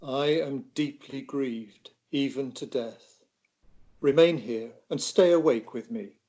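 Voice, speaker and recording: A man's voice: medium pitch, slow, warm tone, natural voice. Man reading as solemn Jesus in scripture drama. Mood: grieved, earnest. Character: grave, solemn, sorrowful male teacher Jesus. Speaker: reader playing Jesus in a church Bible reading.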